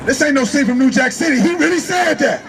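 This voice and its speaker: High-pitched fiery street preacher man. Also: lively intonation, quick pace, fairly bright tone, faint music behind. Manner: fiery, call-and-response, slangy. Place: outdoors on a city street at night. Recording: noisy street crowd.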